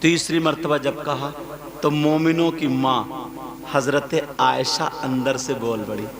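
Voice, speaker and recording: A male Islamic preacher telling a story in an impassioned sermon, dropping to hushed tones and rising to loud dramatic cries. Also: mid-range voice, steady tone, takes it slowly, a crowd in the background.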